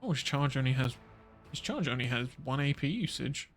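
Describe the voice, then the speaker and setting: A man's voice: medium pitch, very animated, brisk, a bit bright, faint music behind. Muttering male game streamer. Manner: muttering to himself, thinking aloud. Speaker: streamer playing a strategy game. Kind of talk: casual gameplay commentary.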